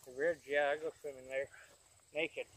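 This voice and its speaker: A man's voice: fairly high pitch, little pitch movement, moderate pace, a bit bright, poor audio. A worn-out man co-hosting with crude, sweary, rambling banter, recorded outdoors by a camera a few steps away. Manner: crude, constantly swearing, joking. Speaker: co-host of a dip review channel. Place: outdoors on a grassy hilltop. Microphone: camera mic a few steps away. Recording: outdoor camera audio, nature noise behind.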